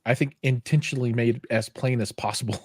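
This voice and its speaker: A man's voice: medium pitch, steady tone, fairly quick, darkish tone, husky. A man co-hosting a casual chat, easygoing and thinking aloud. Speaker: co-host.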